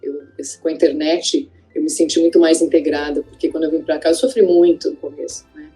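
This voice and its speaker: A woman's voice: sits low, level tone, a little fast, mellow, faint music behind, low-quality recording. A woman, an ophthalmologist looking back on her career in a conversational way, with frequent fillers and tag questions. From Greater São Paulo, Brazil. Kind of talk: reflective interview testimony.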